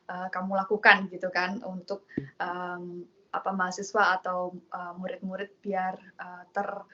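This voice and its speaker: A woman's voice: mid-range voice, sharp tone, highs cut off. Chatty Indonesian woman, full of fillers. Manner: hesitant, many fillers, acts out quoted dialogue. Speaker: guest. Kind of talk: casual interview storytelling.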